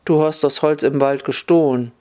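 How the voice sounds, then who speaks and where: Barscher Förster aus dem Märchen, Mann spricht ihn, streng, leicht hohe Stimme. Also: male voice, a little high, fairly even intonation, moderate pace, mellow, lightly acted. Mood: stern. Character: gruff suspicious forester, man.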